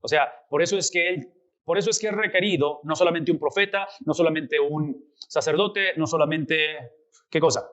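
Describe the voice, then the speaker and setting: A man's slightly high voice comes through lo-fi sound at a normal speed as he leads a Bible lesson. With animated energy, he addresses rhetorical questions to the class, sounding like a teacher going through a passage with his students.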